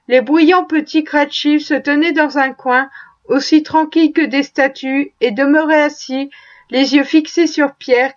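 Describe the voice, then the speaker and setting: A woman narrating a classic tale as an audiobook, with measured, expressive storytelling. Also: sits high, highs cut off.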